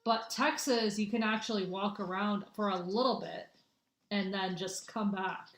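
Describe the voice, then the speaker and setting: Speaking at a medium pitch, slightly slow, with a steady and fairly bright tone, this young woman from the American Midwest chats with her livestream viewers while doing spiritual readings. Her talk wanders with many restarts, picked up by a phone or webcam in a room full of echo.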